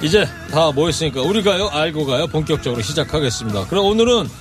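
A man hosting a radio show in casual chat, with a husky voice, who reads lyrics slowly and gravely. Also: fairly high pitch, lively intonation, over music. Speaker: radio host.

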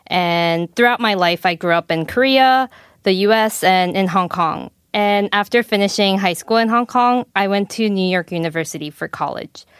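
A young woman speaking as a guest in a casual podcast chat, relaxed and thoughtful. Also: mid-range voice, normal speed, clear, resonant tone, no echo, studio quality.

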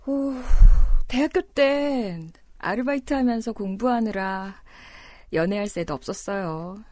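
A woman's voice: mid-range voice, measured pace, a little mellow, no echo, studio quality, close to an everyday voice. A woman playing a bashful thirty-something teacher. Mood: shy. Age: 30s. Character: shy 33-year-old female dorm supervisor teacher. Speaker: voice actor. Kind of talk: Korean audio drama acting.

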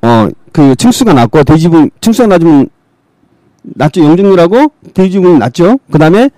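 A man speaking as a studio guest in casual, halting chat. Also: fairly high pitch, very animated, warm tone, dry recording, rough recording. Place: recording studio. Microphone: studio microphone.

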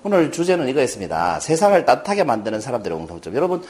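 Speaking in a mid-range voice at a rapid-fire clip, a man lectures an audience and tells stories, livening them up by acting out each character's lines.

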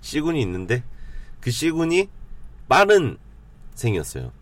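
A man hosting a casual talk show, joking and speaking slowly. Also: mid-range voice, huge pitch swings, no echo. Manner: slow, drawn-out, joking. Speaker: host.

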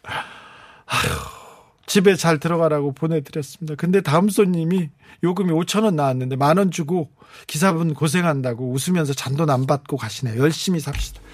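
A man hosting a late-night radio show, chatting and reading listener messages with warm, teasing asides. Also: a little high, fairly quick, no echo. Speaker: radio DJ host. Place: radio studio. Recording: music playing faintly behind.

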